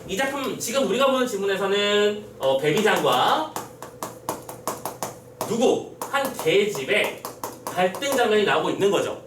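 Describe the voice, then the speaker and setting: A man gives a Korean literature exam-prep lecture, explaining step by step and often checking understanding with short questions, and he acts out quoted lines in a gruff voice. His voice sits high with big pitch swings, unhurried and full of long pauses. The background is noisy, with roomy echo, faint ambience, and a slightly distant mic.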